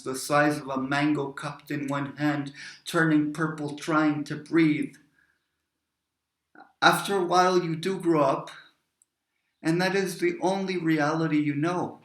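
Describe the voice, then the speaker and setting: Reflective man poet telling personal stories, light pitch, roomy echo. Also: fairly bright tone. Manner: reflective, wandering into tangents. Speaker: poet and speaker. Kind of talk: personal storytelling talk.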